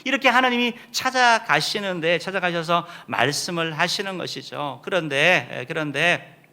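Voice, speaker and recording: A man preaching a sermon as senior pastor, with emphatic loud rises and soft drops. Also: fairly high pitch, moderate pace. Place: church sanctuary.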